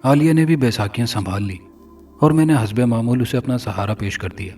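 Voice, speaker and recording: A man reading a first-person horror story in a measured, dramatic way. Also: mid-range voice, a little mellow. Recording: distant mic, faint music.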